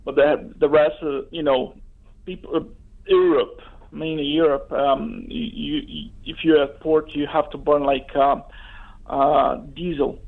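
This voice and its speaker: A man calling a radio phone-in, chatting casually and haltingly with many fillers over a phone line. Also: on the high side, fairly even intonation, vocal fry. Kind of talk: casual chat. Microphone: telephone call.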